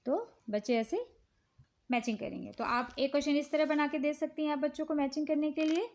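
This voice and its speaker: A woman with an Indian accent, calmly explaining children's worksheets one step at a time. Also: high-pitched. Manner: slow, patient, repeats "ठीक है" often. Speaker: teacher showing worksheets. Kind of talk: casual instructional talk.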